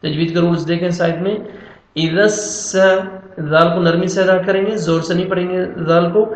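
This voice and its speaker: A man teaching Quran recitation, spelling out letters and vowels and chanting verses slowly between quick explanations. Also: high-pitched, little pitch movement. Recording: echoey, dull lo-fi room sound.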